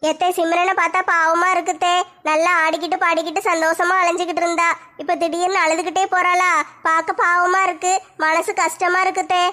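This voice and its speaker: A woman's voice: very high-pitched, flat delivery, a little fast, bright, forceful tone. A woman playing a curious, gossipy young daughter-in-law.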